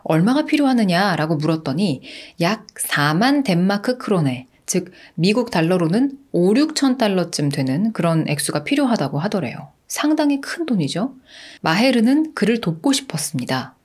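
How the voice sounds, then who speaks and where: A woman's voice: fairly low pitch, very animated, moderate pace, a little mellow, breathy edge. A woman narrating a true-crime story in a chatty way, often asking the listeners rhetorical questions.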